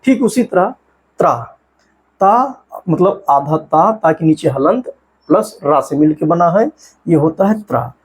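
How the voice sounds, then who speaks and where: A man teaching an exam-prep lesson, asking questions and answering them himself, and sounding out syllables slowly. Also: fairly high pitch, lively intonation, husky.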